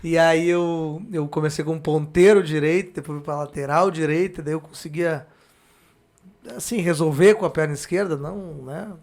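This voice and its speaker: A man with a southern Brazilian accent from Porto Alegre, chatting as a podcast guest, often pausing to rephrase himself. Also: fairly high pitch, steady tone, a little mellow. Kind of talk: casual chat.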